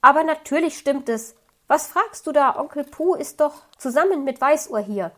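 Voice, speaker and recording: A cheerful hare chatters and laughs through a read-aloud story, as a woman puts him on. The voice is high and lively. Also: moderate pace. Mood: laughing.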